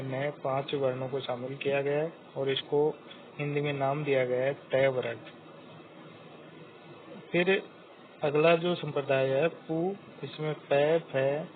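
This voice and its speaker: A man teaching a grammar lesson, slowly and deliberately sounding out each letter one by one. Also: medium pitch. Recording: tinny phone-like audio with faint hiss.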